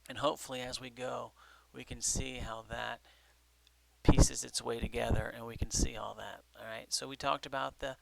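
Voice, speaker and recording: A man's voice: mid-range voice, little pitch movement, normal speed, gravelly. A man teaching a recorded lecture, explaining step by step with many fillers and frequent "okay?" checks.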